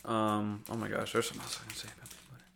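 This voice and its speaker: A man's voice: lowish voice, completely flat delivery, rapid-fire, vocal fry, fairly bright tone, slight background noise. A young man hosting a casual chat, rambling with lots of fillers and restarts and laughing often. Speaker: host.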